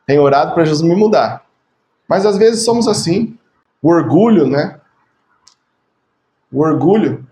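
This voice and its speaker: A man's voice: a little high, lively intonation, measured pace, long pauses, mellow. A man from Brazil preaching a casual, conversational sermon, often tagging his phrases with a questioning "né?" and repeating words for emphasis.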